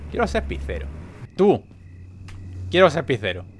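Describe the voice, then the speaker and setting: A young man with a Spain Spanish accent doing joking gameplay commentary, animated, with sudden loud outbursts. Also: medium pitch, moderate pace, slight background noise. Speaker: gaming video creator.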